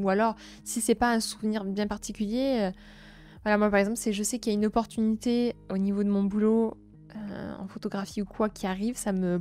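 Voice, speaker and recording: A young woman from south-east France with a southern French accent, chatting gently with her live-stream viewers and filling pauses with hesitations. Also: mid-range voice. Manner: gentle, chatty, many fillers and restarts. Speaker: livestream host. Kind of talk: casual live-stream chat, reading chat.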